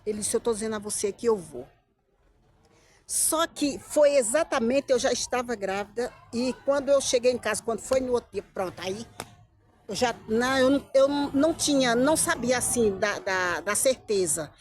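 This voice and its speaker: A middle-aged woman tells her own story straight to her viewers, in a fairly high voice. Her delivery is animated and full of repeats, and she acts out the lines other people said to her. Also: moderate pace. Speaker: vlogger telling her life story. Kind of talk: casual personal storytelling.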